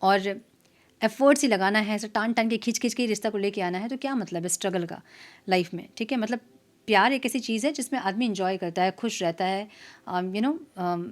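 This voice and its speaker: Woman doing a tarot reading, chatty and casual, drops english words into her talk, mid-pitched voice. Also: brisk. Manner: chatty, mixes English words into Hindi, frequent "so" and "theek hai". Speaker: tarot reader.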